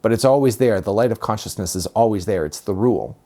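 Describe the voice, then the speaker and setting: A man giving a reflective spiritual talk as a teacher, speaking calmly and unhurriedly and repeating phrases for emphasis. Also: on the low side, quick pace.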